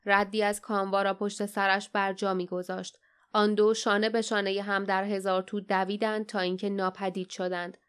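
Woman, audiobook narrator, smooth clear voice, steady tense storytelling. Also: mid-range voice.

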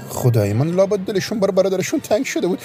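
Male reader as a bossy officer, blustering, lively swings in pitch, storybook figure. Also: faint music behind. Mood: fawning. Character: pompous, fickle police officer, middle-aged man.

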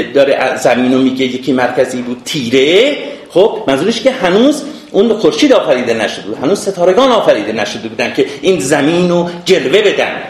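A man teaching a classroom lecture, patiently explaining and chanting lines of verse, often urging his students to pay attention. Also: mid-range voice. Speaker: literature teacher. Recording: roomy classroom echo.

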